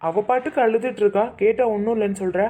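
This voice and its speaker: A voice actor playing a strict middle-aged father in a cartoon, gruff and commanding. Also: mid-range voice, rapid-fire, heavy background noise, close to an everyday voice. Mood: demanding. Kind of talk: cartoon voice acting. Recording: faint background music.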